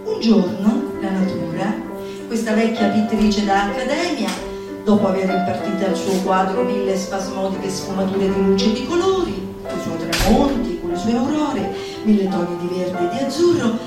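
An actress performs a literary monologue, a satirical manifesto, reciting it in a theatrical, declamatory and mocking way and stretching words for emphasis. Her medium-pitched voice is expressive and moves at normal speed. She sounds distant in a very echoey room, with music playing behind her.

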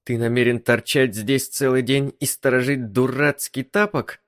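A man voicing an agitated young wife in a high, squealing, indignant tone in an audiobook. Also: fairly even intonation, normal speed, natural voice. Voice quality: shrill. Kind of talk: audiobook reading.

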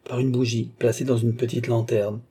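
A man's voice: mid-range voice, flat delivery, normal speed, dark tone, slightly rough, natural voice. A man reading the part of a restless young man who talks in a brash, sardonic way.

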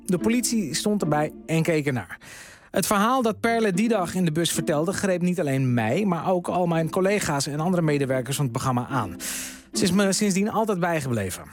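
A man reading a scripted radio report in a calm, measured way. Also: fairly high pitch. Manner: calm, measured read-out narration. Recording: narration over background music.

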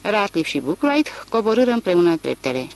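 Audiobook narrator, measured literary reading, animated pitch, middle register. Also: vocal fry, low-quality recording.

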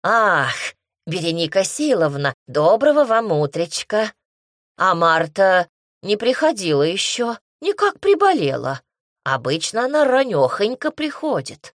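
A woman's voice: medium pitch, very animated, measured pace, dry recording. Female narrator playing a fawning old barber in an audiobook, mumbling excuses, dry close sound. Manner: mumbling, self-justifying. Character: aged male barber, wheedling self-pitying sycophant.

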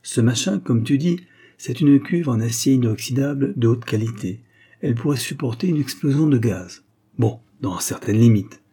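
A man voicing a calm, wry young male chemist who explains things dryly. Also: mid-range voice, moderate pace, husky, pitched above the performer's own voice. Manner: dry, ironic explanations.

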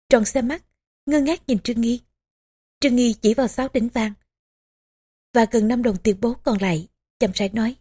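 A woman narrating a historical novel as an audiobook, in measured, even storytelling. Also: fairly high pitch, breathy edge. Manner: measured, even storytelling with small voicings for characters.

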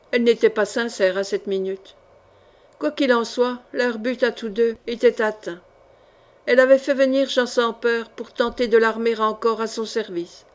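A woman reads a swashbuckling novel aloud in an expressive, literary manner. Her voice sits fairly high. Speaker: audiobook reader. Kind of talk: audiobook narration.

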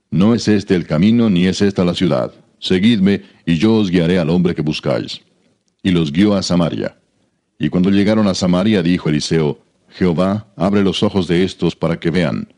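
A man reads scripture aloud with a deep, mellow voice. His delivery is measured and even. He keeps a steady reading tone throughout. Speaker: Bible reader.

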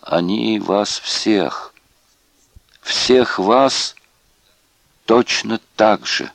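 This is a battered prisoner, weak but unbroken, who whispers through cracked lips, as a man puts him on. The low voice is gravelly and soft, and it sounds dry and close. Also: drawn-out words, dry recording, heavily acted. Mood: weak, defiant.

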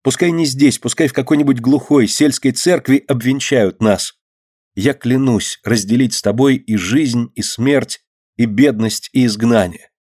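A man reading a story aloud and voicing a gentle young woman who is devoted and pleading. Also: mid-range voice, measured pace, breathy edge.

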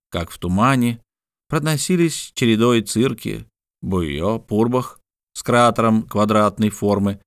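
Male audiobook narrator, steady descriptive reading, dry close voice. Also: fairly low pitch, no echo. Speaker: audiobook reader. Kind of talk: scripted narration.

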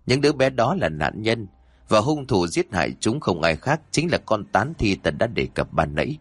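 A wise, severe exorcist master from a spoken ghost story, as a male narrator puts him on. He lectures in a low, steady voice that rises and falls with conviction, and he scolds firmly. The recording is dry and close. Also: normal speed, husky, no echo. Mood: stern.

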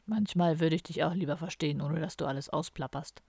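A gruff, grumpy drinker mutters short, blunt lines in a low, quiet voice, as a woman reader puts him on. The audiobook sound is dry and close, with no room around it. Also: a little fast, dry recording, heavily acted. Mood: grumbling. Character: gruff grumpy young man, heavy drinker. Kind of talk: audiobook character voice.

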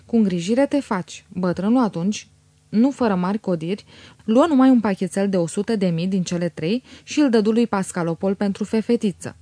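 A woman reading a novel aloud as an audiobook narrator, steady and measured. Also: mid-range voice, dry recording.

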